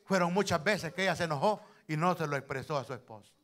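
A male pastor preaches in a church, telling stories and hitting lines with loud sudden emphasis. His voice sits a little high for a man. He speaks straight to the congregation, calling them brother. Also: quick pace. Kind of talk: sermon.

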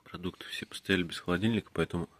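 A man filming himself tasting groceries in a room, talking calmly in short, clipped phrases into his phone camera. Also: low-pitched, very fast. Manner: calm, terse, speaks in short clipped phrases. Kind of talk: casual food-tasting vlog. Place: indoors, in a room in a city. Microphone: phone camera held by the speaker, who stays off screen.

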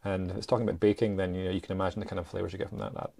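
A man's voice: deep voice, level tone, racing, gravelly, dark tone. A man in his thirties co-hosting a podcast in casual chat, rambling with fillers and restarts. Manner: chatty, trailing off with fillers and restarts. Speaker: podcast co-host.

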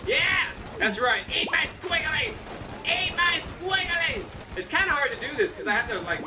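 A young man hosting a casual let's-play, excitable, yelping and swearing as he plays. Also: sits high, far from the mic. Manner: excitable, yelps and swears at the game. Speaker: gaming channel host.

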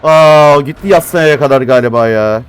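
Mobile game streamer, male, casual and grumbly, quick to blow up in frustration, mid-high voice. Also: smooth, faint music behind. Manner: casual, grumbling, quick to flare into exasperated outbursts. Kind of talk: live gameplay commentary.

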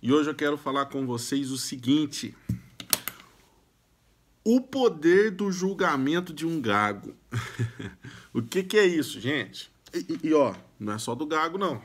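A man's voice: a little high, sing-song, a little slow, pauses often. Emphatic man with a raised voice. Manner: emphatic, exhortative, repeats sounds at starts of phrases. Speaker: YouTube speaker giving self-help tips. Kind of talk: casual direct-to-camera advice.

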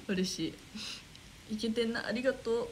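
A woman's voice: a little high, huge pitch swings, measured pace, a bit bright, a little hiss or hum, rough recording. A young woman with a Kansai accent chatting casually on a livestream, reading viewer comments aloud, giggling often and muttering to herself while she searches for the next one. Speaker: idol livestream host.

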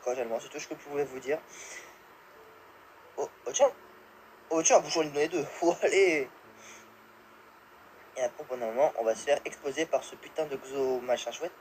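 A young man giving live gameplay commentary, excitable, yelping and laughing, swearing and dropping English exclamations. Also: medium pitch, moderate pace, pauses often, slight background noise, poor audio. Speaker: gamer.

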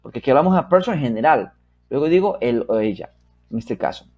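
A man teaching an English lesson, explaining in Spanish and modeling English sentences slowly, first loudly and then softly, checking in often with his students. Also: mid-range voice, animated, slightly rough, dull audio, faint music behind.

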